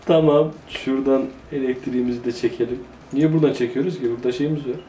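A man's voice: medium pitch, fairly even intonation, fast talker, background noise. A man giving casual, joking commentary while playing a city-building game and talking to himself. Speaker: gaming YouTuber. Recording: roomy echo.

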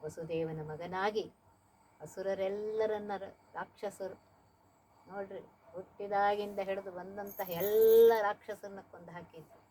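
A woman's voice: mid-range voice, fairly even intonation, a little slow, warm tone, a little hiss or hum, poor audio. A woman singing devotional verses and explaining them in plain everyday speech as a teacher.

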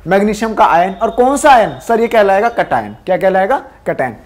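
With a sing-song delivery at a fairly quick pace, a male science teacher fires quiz questions at his class. He answers them himself, his voice dropping for each answer, and he drills the key terms by repeating them.

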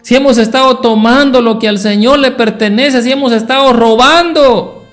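A man's voice: extremely high pitch, normal speed, fairly bright tone, faint music behind. A man preaching a Sunday school sermon, asking the congregation rhetorical questions.

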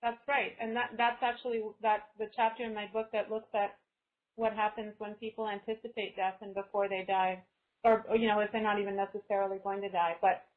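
A woman's voice: medium pitch, flat delivery, fairly quick. A woman from Canada, a guest author in a thoughtful, casual webinar conversation who often restarts her phrases as she thinks. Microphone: video call. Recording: slightly dull lo-fi video call audio.

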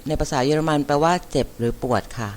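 A woman teaching an English vocabulary lesson, repeating each word and spelling it out letter by letter with careful, deliberate enunciation. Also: sits low, a little mellow, a little hiss or hum. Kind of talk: slow vocabulary lesson, spelling words aloud.

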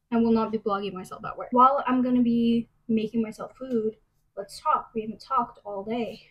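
Young college girl rambling to her phone in the kitchen, chatty, gossipy, kinda high voice. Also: slightly rough, rough recording. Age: young adult. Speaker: college student vlogger. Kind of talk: casual vlog chat to camera. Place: home kitchen, later a bedroom. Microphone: phone camera propped at arm's length, later a handheld mic.

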